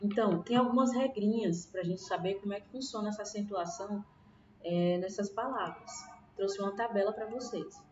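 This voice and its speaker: Teaching primary schoolers online, this woman with a Brazilian Portuguese accent explains patiently and keeps checking in with tag questions. She speaks at a normal speed in a mid-range voice, on a distant, roomy, dull lo-fi recording with faint hiss.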